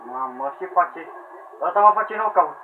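A male gamer commentates his own play in a frantic, high-pitched voice with lively intonation, yelling at the screen. He shouts at characters, pleads and laughs, and the tinny lo-fi recording carries a faint hiss.

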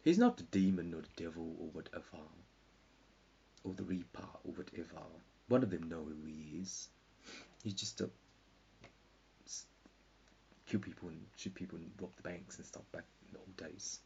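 Tired man, low and gravelly, meandering mock-lecture with whispery dips; lo-fi home recording. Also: animated, normal speed, pauses often, warm tone. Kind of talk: rambling pseudo-scientific monologue. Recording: dull lo-fi with faint hiss.

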